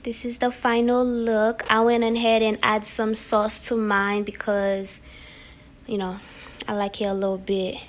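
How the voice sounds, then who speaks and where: A woman's voice: fairly high pitch, level tone, measured pace. A woman chatting casually and informally to her viewers as a home cooking vlogger, unscripted, in a kitchen. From Haiti or Haitian family. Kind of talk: casual vlog chat to viewers while cooking. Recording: clearly noisy home recording.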